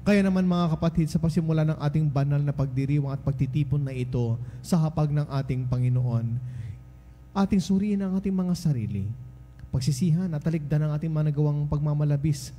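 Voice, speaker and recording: A man's voice: fairly high pitch, a little fast, warm tone. A man leading a Mass as priest, speaking solemnly in a liturgical address. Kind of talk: leading a radio-broadcast Mass. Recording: long reverb of a church.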